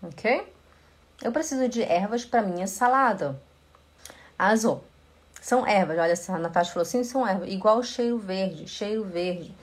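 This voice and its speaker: A Brazilian woman teaching German in a live online lesson, slowly repeating example phrases. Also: mid-range voice, lively intonation. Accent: Brazilian Portuguese. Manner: slow, drawn-out repetition of example phrases.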